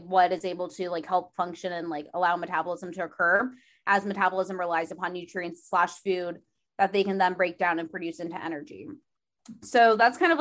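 A young woman co-hosting a podcast, her voice a little hoarse and lower than usual from a sore throat. She explains in a loose, chatty way, leaning on "like" as filler. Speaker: podcast co-host. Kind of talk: casual chat.

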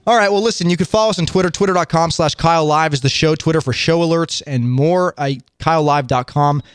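A man hosting a casual radio show, talking in a quick, upbeat way full of fillers. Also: fairly high pitch, smooth, no echo, studio quality. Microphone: studio mic.

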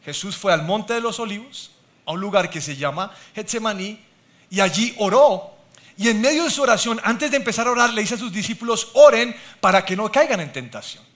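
A man's voice: high-pitched, fairly quick, fairly bright tone. A man pastor preaching a sermon, mixing humor with scripture.

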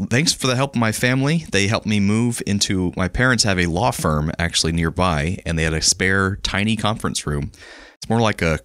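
A man's voice: deep voice, a bit bright, no echo, clean studio sound. A man co-hosting a podcast, chatting and telling stories with easy laughs. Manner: chatty storytelling, laughs easily. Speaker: podcast co-host. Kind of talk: casual chat. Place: small office recording booth.

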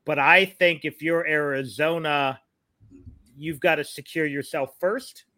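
A man with a bright, forceful voice pitched a little high, recorded dry and close. He gives measured, opinionated sports analysis in a conversational podcast style, explaining as he goes. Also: fairly even intonation, dry recording.

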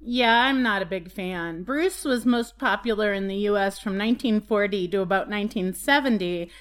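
A woman's voice: medium pitch, normal speed. A woman co-hosting a podcast, chatting casually and reading out facts in a matter-of-fact way. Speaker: podcast co-host. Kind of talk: casual chat.

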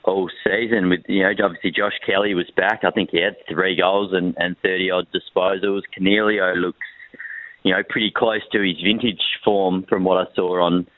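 A man, a newspaper sports reporter, talks through a football game frankly and with pauses, his voice coming over a crackly phone line that cuts in and out. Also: low voice, level tone, no room sound. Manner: frank, measured, with many hesitations. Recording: tinny dry phone line.

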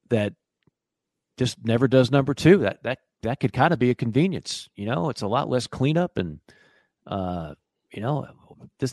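A man co-hosting a sports radio show, telling a long personal story in a casual, animated way. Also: on the low side, dry recording, clean studio sound. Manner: animated storyteller who acts out quoted voices.

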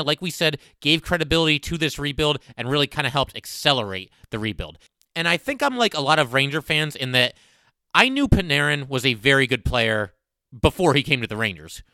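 A man's voice: medium pitch, bright, forceful tone, dry recording. A man hosting a sports podcast in a top ten countdown style, giving emphatic, conversational fan commentary.

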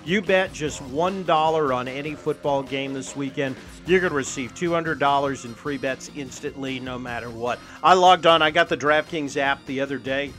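A man reading a fast legal disclaimer at the end of a sports show ad. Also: medium pitch, a bit bright, faint music behind.

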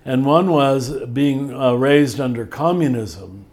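On a podcast, an older man speaks as a spiritual teacher at medium pitch, his voice a little mellow. He's thoughtful and measured, slowing down to lean on key words.

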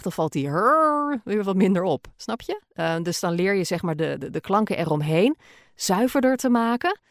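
A woman's voice: lowish voice, dry recording, studio quality. A podcast host and voice-over artist, a woman with a Gooise R, talking casually with frequent fillers as she answers listener questions. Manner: chatty, many fillers, occasional laughs.

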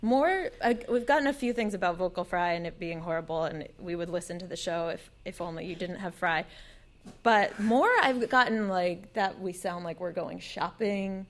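A woman talking casually as a podcast panelist, animated and emphatic in her delivery. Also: on the low side, moderate pace.

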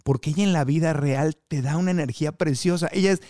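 A man hosting a podcast conversation, telling lively anecdotes and imitating people he quotes. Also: fairly high pitch, fast talker, no room sound, clean studio sound. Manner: lively storyteller, mimics voices in anecdotes. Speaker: podcast host.

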